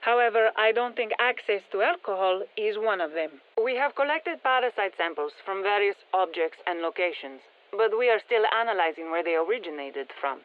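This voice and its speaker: Briefing operators about an alien parasite, a brisk and sharp-minded female scientist-engineer from a video game talks in a technical, matter-of-fact manner. The actress has a Spanish accent and an expressive mid-range voice. It sounds processed and phone-like, a thin band-limited radio signal with some long hall reverb.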